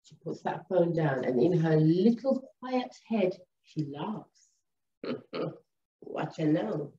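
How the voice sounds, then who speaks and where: A woman and mother teaching about relationships in an animated storytelling way, acting out what people say. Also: deep voice, takes it slowly, slight background noise. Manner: animated, storytelling, acts out quotes. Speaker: wellness teacher. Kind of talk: advice monologue. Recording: echoey room, distant mic, dull sound.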